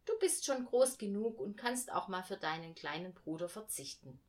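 Woman reading as a calm, thoughtful father. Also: mid-range voice, moderate pace, lightly acted. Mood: gentle. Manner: calm, explaining.

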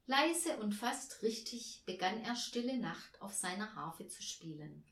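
A woman's voice: mid-range voice, animated, unhurried, a bit bright. A woman narrating a Christmas storybook expressively and voicing each character. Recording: roomy echo.

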